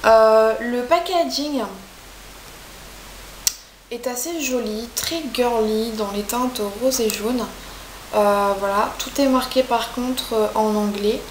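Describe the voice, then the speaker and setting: A woman's voice: on the high side, takes it slowly. A woman in her twenties reviewing beauty products in a casual, chatty way, hesitating often with fillers. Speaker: beauty vlogger. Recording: echoey room, faint hiss.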